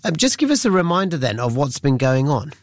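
A man's voice: a little high, very animated, dry recording. Male news presenter, dry studio. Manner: brisk, scripted links.

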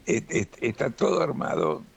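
A man's voice: medium pitch, huge pitch swings, normal speed, vocal fry, breathy edge. A man with a Rioplatense Spanish accent, explaining things relaxedly as a doctor guest in a radio interview and often tagging "¿no?".

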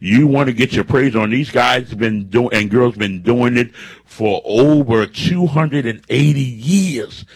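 A man in a radio studio plugs an upcoming gospel concert with insistent, repetitive enthusiasm. His voice has a slightly husky grain at a middle pitch, and he keeps circling back to the same urgent call to act. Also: a little slow, few pauses. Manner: emphatic, repeats "I'm telling you". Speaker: studio guest, gospel musician. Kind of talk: promoting an event on radio.

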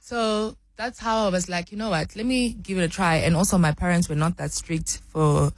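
A woman's voice: on the low side, steady tone, moderate pace, dry recording, low-quality recording. A young woman from South Africa, a rugby player, answering interview questions with many ums and restarts.

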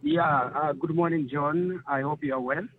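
A man from Malawi calling in to a radio show, explaining his situation in a steady, storytelling way with frequent "you know". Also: fairly high pitch, moderate pace. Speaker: caller. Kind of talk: phone-in call to a radio show. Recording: tinny phone line with faint noise.

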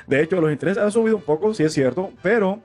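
A man's voice: high-pitched, expressive, fast talker, darkish tone, soft background music. A man in his thirties from Cuba, a mortgage lender explaining things earnestly as a guest. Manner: earnest, many fillers and restarts.

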